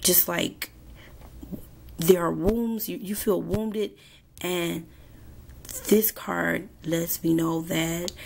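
Woman tarot reader, sore throat, hoarse and hesitant, lowish voice. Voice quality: hoarse, half-whispered. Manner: slow and hesitant, many ums. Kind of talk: monthly tarot reading.

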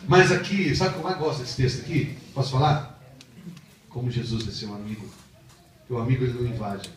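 A man's voice: medium pitch, brisk, a crowd in the background. Brazilian guy preaching, heartfelt story, really echoey chapel, mic far off. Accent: Brazilian Portuguese. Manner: heartfelt storytelling, rising to animated emphasis. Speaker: missionary preacher. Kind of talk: sermon with personal testimony.

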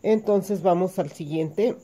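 A woman's voice: on the low side, slow pace, mellow. A woman giving a patient step-by-step hand embroidery lesson, explaining each stitch as she works. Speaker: embroidery teacher.

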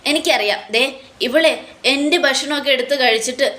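A woman voicing an unhinged young mother who is childish, greedy and quick to scold, in a whiny, accusing way. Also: high voice, bright, forceful tone, voice pushed up.

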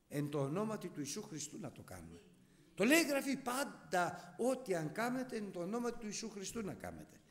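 A male preacher delivers a sermon with rhetorical questions and repeated phrases. His voice is high and swings widely in pitch. A long reverb trails behind it in the church hall. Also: fairly bright tone.

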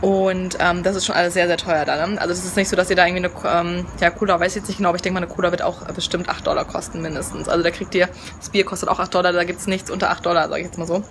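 A young woman vlogs casually from outdoors near a house and a hotel pool, holding her phone at arm's length to film herself. Her voice sits fairly low with a level tone, and she talks rapid-fire, bubbly and full of fillers. The phone audio picks up background noise from outside.

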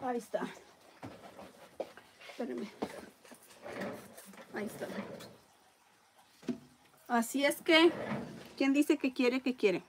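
A woman hosting a casual live-stream raffle, chatting along and reading viewer comments out loud. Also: sits high, slow, long pauses, noisy background.

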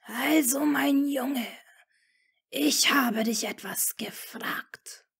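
A woman voicing a cold, menacing male dark lord in a hissing, icy whisper, as whispered role-play in a fan-fiction reading. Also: high voice, drawn-out words, gravelly, slightly rough, voice pushed up, heavily acted.

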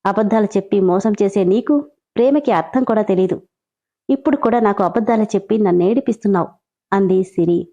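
Mellow woman reading a story aloud. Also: mid-range voice, fairly quick. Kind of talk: scripted story narration. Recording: dull lo-fi recording.

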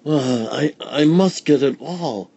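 A man's voice: a little high, slow pace, vocal fry, warm tone, slightly rough, highs cut off, voice pushed up, heavily acted. A man voicing a poor old village woman in a storybook, eager and pleading, a little breathless. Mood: anxious.

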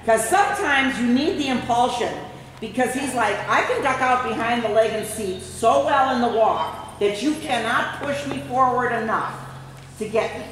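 A riding instructor coaches a horse rider live in a large indoor arena, calling out short commands and often repeating them. Her voice is a little high and fairly bright, at normal speed, and she's far from the mic. The hall is very echoey and reverberant, with faint noise.

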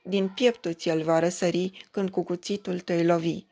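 A woman's voice: lowish voice, flat delivery, warm tone. A woman reading a fairy tale aloud, voicing a cruel young lord who gives stern, commanding orders. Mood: urging. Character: cruel young lord bent on killing his wife.

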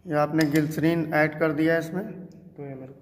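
A man calmly describing a lab demonstration one step at a time, pointing out each material and amount. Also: a little high, moderate pace, long reverb tail, a little hiss or hum. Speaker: lab instructor. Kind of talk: demonstration voice-over.

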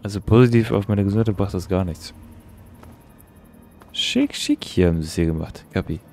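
A man's voice: sits low, moderate pace, a little mellow, faint music behind. A young man giving casual, slangy let's-play commentary and swearing at the game. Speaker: gaming YouTuber.

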